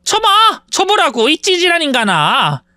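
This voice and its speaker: A spoiled young sister-in-law with a high, piercing voice, as a reader puts her on. She snaps back defiantly and mocks. The audio is dry and close. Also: lively intonation, a little fast, pushed and bright, no echo. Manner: shrill, defiant, taunting.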